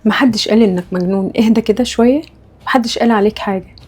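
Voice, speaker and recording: An actress playing a calm female psychiatrist with an Egyptian accent, soothing and professional. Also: medium pitch, quick pace, husky, close to an everyday voice. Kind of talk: web drama acting.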